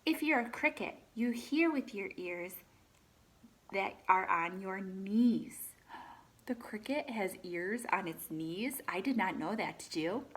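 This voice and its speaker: With a mid-range voice and lively intonation, a woman reads a picture book to young children, full of expression. She stops now and then for chatty asides and questions to her listeners.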